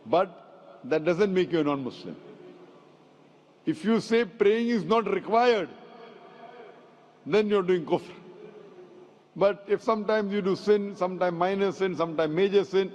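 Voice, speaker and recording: A man in a public question-and-answer session, explaining in a measured way and repeating his points. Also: sits high, darkish tone. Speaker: speaker answering audience questions. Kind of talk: public Q&A lecture. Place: large lecture hall. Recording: dull hall recording with long reverb.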